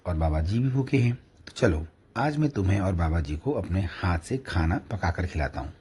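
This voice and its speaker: A man's voice: sits low, animated, normal speed, a little mellow, husky, exaggerated voice. A man voicing a caring young husband who speaks reassuringly.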